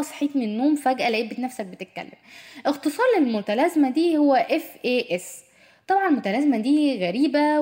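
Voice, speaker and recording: Egyptian woman, radio host, quick chatty delivery, addresses the listener. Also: high-pitched. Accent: Egyptian Arabic. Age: young adult. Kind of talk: casual radio talk.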